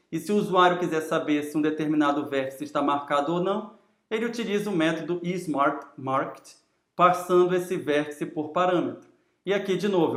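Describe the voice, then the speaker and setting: Male lecturer, Brazilian accent, high-pitched for a man, explanatory delivery, recorded with noticeable room echo. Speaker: teacher. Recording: roomy, echoing sound.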